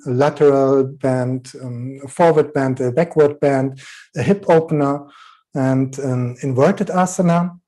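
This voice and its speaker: A German man speaking English with a German accent, introducing a yoga sequence with many pauses and fillers. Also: a little high, warm tone, rough recording. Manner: slow, halting, many fillers. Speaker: yoga teacher. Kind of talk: online yoga session introduction.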